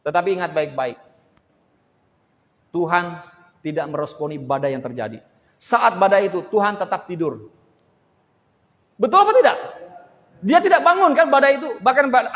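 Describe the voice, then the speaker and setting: A male pastor preaching a sermon, animated, joking and calling out to the congregation. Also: high-pitched, in a large hall, muffled recording. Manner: animated, jokes and calls out to the congregation. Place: church hall.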